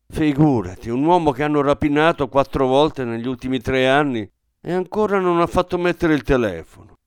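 A man's voice: a little high, clear, resonant tone, dry recording, clean studio sound, pitched above the performer's own voice, natural voice. A man voicing a bitter, grumbling aging shopkeeper in a dramatic radio reading.

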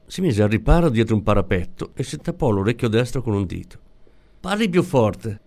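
A man narrating an audiobook in a measured storytelling manner. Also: on the low side, animated, darkish tone. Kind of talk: scripted narration.

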